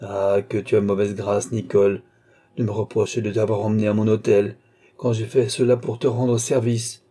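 A man's voice: fairly low pitch, flat delivery, moderate pace, warm tone, close to an everyday voice. A man doing a sly, mocking old duke. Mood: sly, teasing. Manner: mocking, knowing, lightly threatening. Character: old duke and marshal, sly, teasing, worldly. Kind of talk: audiobook reading.

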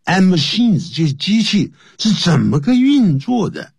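A man's voice: high-pitched, very animated, unhurried, creaky, breathy edge, dry recording, studio quality. A man teaching English on the radio, explaining phrases in Chinese and spelling words out letter by letter.

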